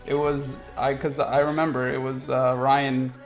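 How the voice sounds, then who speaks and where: A man's voice: mid-range voice, little pitch movement, unhurried, faint music behind. A young man in casual gamer conversation, talking in bro-ish slang with some swearing. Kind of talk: casual chat.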